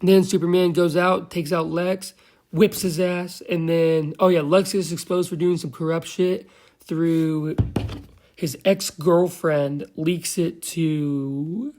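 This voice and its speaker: A man's voice: a little high, steady tone, slow, darkish tone. A man giving a loose, slangy, profane recap of a movie, now and then losing track of names. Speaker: movie reviewer.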